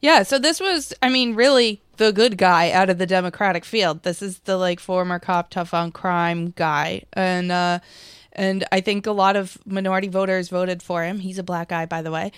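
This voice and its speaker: A woman's voice: lowish voice, fairly even intonation, moderate pace, clean tone, no echo, clean studio sound. An American woman hosting a political commentary show, reading news articles aloud and adding casual, wry, sarcastic remarks.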